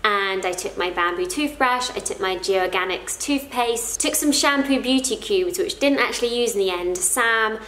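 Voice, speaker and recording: This parenting vlogger in her thirties talks casually to a close camera in her living room, offering practical tips in a friendly, chatty manner. She speaks in a mid-range, fairly bright voice at a moderate pace with hardly any pauses. The room is echoey, with a little hiss or hum.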